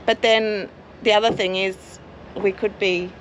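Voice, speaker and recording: A hoarse woman, chatting casually and poking fun at herself in a travel vlog, outdoors at a caravan park. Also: mid-range voice, fairly even intonation, measured pace, a little hiss or hum. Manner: chatty, self-mocking. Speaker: travel vlogger. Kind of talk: casual chat.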